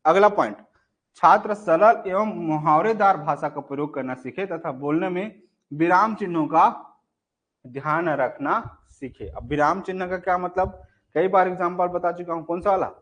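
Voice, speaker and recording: A young adult man with a slightly high voice teaches an online exam-prep class. He keeps asking rhetorical questions to check that students understand, and he acts out example phrases.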